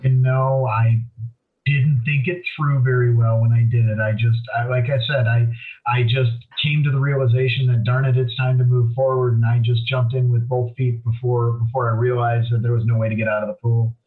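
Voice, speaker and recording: Guest casting: plain-talking man in his forties, mid-pitched, self-deprecating, thin distant phone-like line. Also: normal speed, faint music behind. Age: 40s. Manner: blunt, self-deprecating, animated when emphatic. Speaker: business owner, podcast guest. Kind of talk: candid conversational storytelling.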